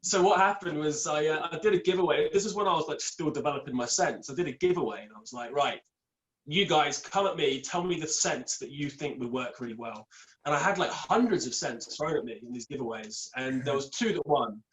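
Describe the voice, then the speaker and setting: This beard product entrepreneur, young and Scottish with an English accent, joins a podcast call as a guest. His fairly high voice moves fairly quickly, the recording is low quality, and he rambles upbeat through his story in casual chat.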